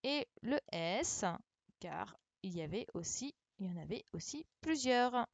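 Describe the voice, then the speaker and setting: This French woman teaches primary pupils in an online class set up at home, captured by a computer microphone for the live stream. Patient and checking, she corrects their dictation and spells each word letter by letter. She speaks a little slowly in a mid-range, gravelly voice with lively intonation and no echo.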